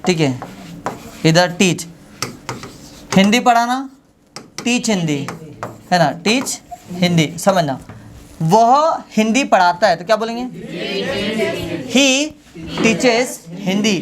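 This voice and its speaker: A woman teaching an English grammar drill, repeating each sentence slowly and calling her pupils kids. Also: medium pitch, expressive, a crowd in the background. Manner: slow, repeating each sentence for the class to echo; scolds pupils fondly as kids. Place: classroom full of students. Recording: classroom with a loud chorus of students. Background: students chanting answers.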